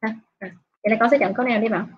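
Lady teacher on a video call, fairly high voice, dull muffled sound, quizzing students patiently. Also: slightly rough. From Vietnam. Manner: patient, questioning, drawn-out prompts. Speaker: English teacher. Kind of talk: online class Q&A. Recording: dull lo-fi online class audio.

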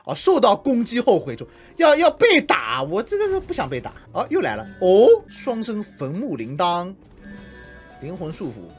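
A woman narrates her own gameplay at full tilt. Her voice leaps high on the battle cries and sinks low when she mutters, so the pitch moves a lot. Faint game music plays underneath. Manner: excitable, shouts battle cries, laughs at herself. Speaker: gameplay streamer. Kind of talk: live game commentary.

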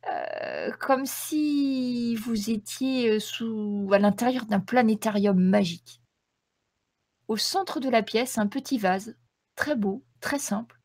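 Female game master, descriptive tabletop narration, higher register, dry recording. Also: darkish tone, dry recording. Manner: descriptive, storytelling.

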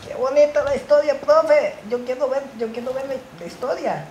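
Woman voicing an excitable little boy puppet, whiny and breathless, sighing ay ay, high voice, faint background noise. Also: normal speed, muffled recording, close to an everyday voice. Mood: excited. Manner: whiny, breathless, full of "ay" and "profe".

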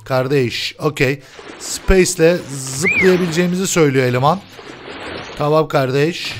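High-pitched excitable young man gaming. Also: normal speed, very noisy. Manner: loud, shouting at the game, slangy and playful. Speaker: gaming YouTuber. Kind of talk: excited let's-play commentary.

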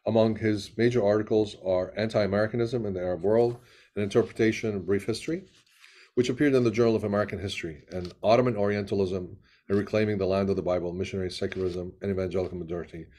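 A man's voice: lowish voice, fairly even intonation, mellow. A man hosting a video-call webinar, introducing and interviewing a guest, with many fillers and restarts. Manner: quick, with frequent uh fillers and restarts.

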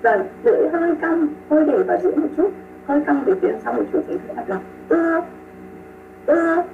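A woman teaching pronunciation online over a video call. She models sounds slowly, repeats them and praises her students. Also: sits high, sing-song, far from the mic. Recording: tinny call audio with music behind.

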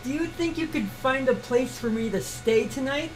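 A woman's voice: high voice, normal speed, darkish tone, a little hiss or hum, natural voice, rough recording. A woman voicing a spunky, sarcastic young woman ex-gang bounty hunter in an amateur comic read-through. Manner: brash, sarcastic, slangy.

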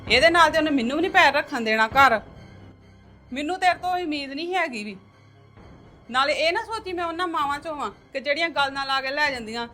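A woman's voice: high voice, quick pace, bright, forceful tone, faint music behind. A woman playing a stern middle-aged mother who lectures and curses her married daughter in a family drama. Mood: scolding.

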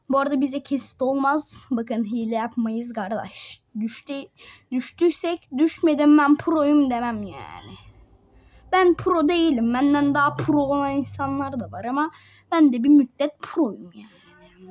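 High-voiced woman muttering through gameplay. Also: lively intonation, moderate pace, darkish tone. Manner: switches between muttered asides and frustrated outbursts; talks straight to viewers as friends. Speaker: gamer. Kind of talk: gameplay commentary.

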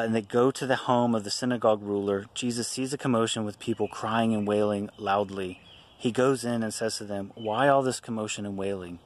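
A man with a somewhat low voice gives an informal devotional reflection. He reads scripture out slowly and then talks it through loosely, with frequent fillers and restarts. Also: a little hiss or hum. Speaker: teacher giving a devotional.

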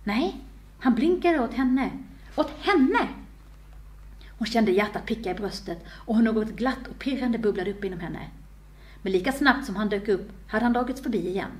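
A woman author reading her own story aloud with expressive storytelling. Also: mid-range voice.

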